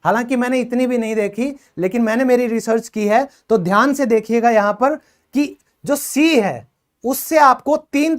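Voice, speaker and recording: A man teaching English phonics, explaining in Hindi, praising and quizzing his students as he goes. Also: very high voice. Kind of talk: classroom phonics lesson.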